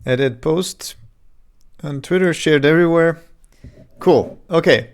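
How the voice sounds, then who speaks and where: A man from Serbia with a Serbian accent, chatting casually on a game development live stream into a desk microphone, halting and full of fillers. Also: fairly high pitch. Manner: halting, many fillers and restarts.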